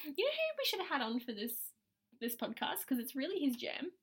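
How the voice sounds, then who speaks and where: A woman's voice: high-pitched, huge pitch swings, a little fast. A woman co-hosting a podcast, chatting casually, joking, and reading facts from her notes. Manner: giggly, jokey, reads notes aloud. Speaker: podcast co-host.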